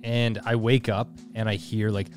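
A man's voice: on the low side, little pitch movement, moderate pace, soft background music. A man co-hosting a podcast, telling a story in an earnest, reflective way. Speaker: podcast co-host. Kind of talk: casual chat.

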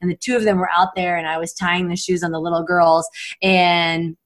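A woman's voice: fairly low pitch, little pitch movement, fairly quick. A woman in her forties, a mother, talking in a casual podcast interview with a chatty, sarcastic humor and frequent laughs. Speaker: guest, mother of several children.

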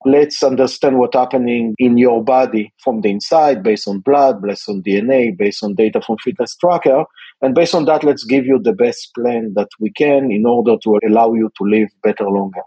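A male scientist, a podcast guest, with a husky, mellow voice. He speaks hesitantly with many fillers, on a dull, dry remote recording. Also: mid-range voice, moderate pace, no room sound. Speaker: company founder and scientist. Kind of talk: interview guest.

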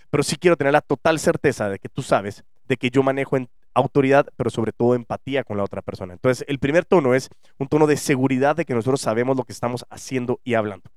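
A man with a Guatemalan Spanish accent hosting a podcast, earnestly explaining ideas straight to the listener with lively shifts in emphasis. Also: mid-range voice, clean tone, dry recording, clean studio sound. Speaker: podcast host. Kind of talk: motivational teaching monologue.

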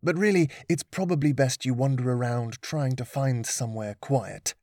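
A man's voice: medium pitch, moderate pace, darkish tone, no echo, close to an everyday voice. A man reading aloud voices a patient male mentor who teaches with dry, teasing humour. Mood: wry.

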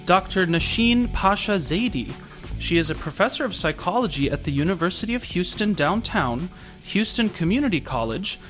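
A man's voice: a little high, a bit bright. A man hosting an interview show, asking long, earnest questions with many fillers. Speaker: host.

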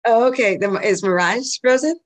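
A woman on a video call, talking hesitantly as a class participant with frequent pauses and fillers. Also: a little high. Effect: heard over a video call. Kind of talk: casual chat.

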